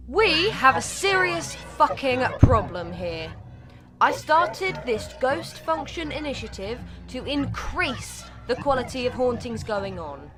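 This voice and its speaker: A woman's voice: high-pitched, big pitch swings, slow pace, over music, heavily acted. A woman playing Death, a weary, irritable underworld boss with an informal, exasperated manner in an audio drama. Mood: angry, exasperated. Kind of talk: scripted audio drama acting.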